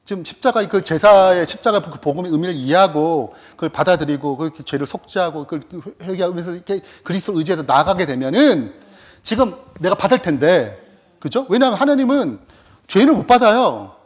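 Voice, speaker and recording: A man's voice: high-pitched, expressive, brisk. A man giving a Bible study lecture, asking rhetorical questions and then answering them himself. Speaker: Bible teacher.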